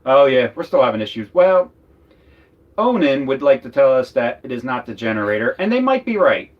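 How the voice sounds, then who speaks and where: A man's voice: medium pitch, very animated, moderate pace, highs cut off. A man from Philadelphia with a Philadelphia accent, chatting casually on a livestream from inside his RV. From Northeast Philadelphia. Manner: rambling, chatty, joking. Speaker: RV vlogger, co-host. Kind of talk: casual live chat.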